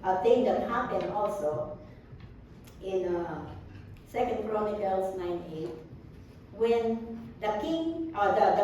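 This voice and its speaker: Female preacher, slow and mellow, halting delivery; distant mic, big echo. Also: medium pitch. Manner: slow, halting with many fillers and restarts. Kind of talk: sermon. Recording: distant echoey room with faint background noise.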